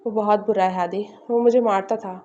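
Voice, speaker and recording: A woman's voice: medium pitch, fairly even intonation, warm tone, a little hiss or hum, close to an everyday voice. A woman reading the lines of a timid, frightened young woman who stammers with a trembling voice, on a slightly muffled recording. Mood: terrified.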